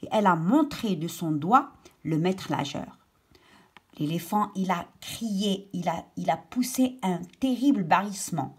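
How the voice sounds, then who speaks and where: A woman's voice: fairly low pitch, lively intonation, measured pace, breathy edge. A woman teacher reading a children's story aloud and patiently explaining its words to young pupils.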